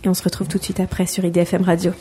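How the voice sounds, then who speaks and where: A woman hosting a radio talk show, interviewing guests in a halting way with many fillers. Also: on the low side, monotone, loud music behind the voice.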